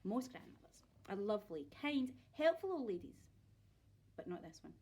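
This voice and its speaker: A woman's voice: mid-range voice, sing-song, normal speed, a little mellow, husky. A woman narrating a children's story aloud expressively, like a teacher reading to pupils.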